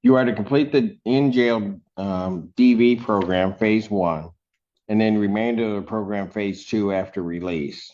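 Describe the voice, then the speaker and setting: A man serving as judge, reading out sentencing and court orders in a measured, formal way, heard in a courtroom recording. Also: on the low side, a little mellow. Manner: measured, formal, with occasional fillers. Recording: dull, lo-fi courtroom audio.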